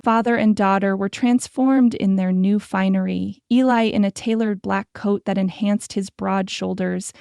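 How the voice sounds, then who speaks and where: Gravelly, warm woman narrating a romance audiobook. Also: mid-range voice, no room sound, clean studio sound. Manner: measured, descriptive storytelling. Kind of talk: scripted narration.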